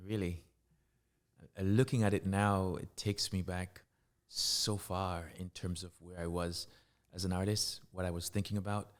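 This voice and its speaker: A middle-aged man from Jamaica, a guest artist talking in a casual interview, reflective and halting, often restarting his sentences. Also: sits low, flat delivery.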